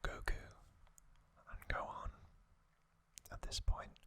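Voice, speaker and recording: This whispered storyteller is a man hosting ASMR content, his voice breathy yet crisp. He delivers short, hushed phrases at a very slow pace.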